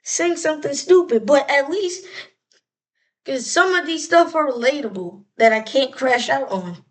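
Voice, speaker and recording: A woman's voice: high-pitched, lively intonation, unhurried. A woman giving casual, rambling reaction commentary in slangy, mock-exasperated rants. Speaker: video creator reacting to clips.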